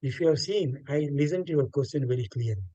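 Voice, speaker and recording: A man's voice: medium pitch, fast, warm tone, no echo, muffled recording. An older man from India, a native Telugu speaker with a South Indian accent, answering interview questions in an expansive, explanatory way with emphatic repetition. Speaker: interview guest. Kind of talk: reflective interview talk with anecdotes.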